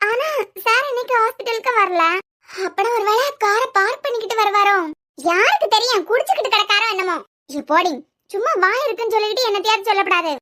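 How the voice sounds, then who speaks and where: A woman's voice: extremely high pitch, pushed and bright. A woman voicing a chattering, gossipy nurse. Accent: Kanyakumari Tamil. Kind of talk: cartoon serial voice acting.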